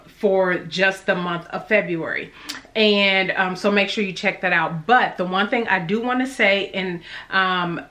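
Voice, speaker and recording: A middle-aged woman with a bright, forward voice chats casually to her channel's viewers at a medium pitch. Her mouth is numb and a little swollen from the dentist, so her articulation is slightly off. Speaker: sewing channel host. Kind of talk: casual chatty vlog to camera. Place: small indoor room at home.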